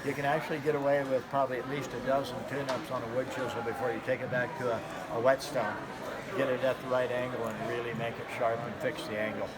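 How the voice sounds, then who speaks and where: Talking fast with a flat delivery in a mid-range voice, a middle-aged man sharpens knives for a live audience over a noisy crowd. He's folksy and relaxed, explaining plainly and going over points twice for emphasis. The setting is a large concrete-floored expo hall, recorded on a handheld camera mic a step or two away, with clear hall noise in the background.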